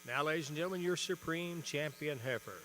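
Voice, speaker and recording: A man's voice: fairly high pitch, a little fast, bright, forceful tone, a little hiss or hum. A man announcing livestock show champions at ringside, formal in tone and drawing out the winners' names for emphasis.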